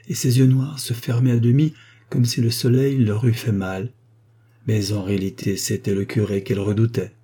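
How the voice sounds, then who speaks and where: A man reading a classic story aloud in a measured, calm storytelling voice. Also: mid-range voice, slightly rough. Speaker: audiobook reader. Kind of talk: scripted narration.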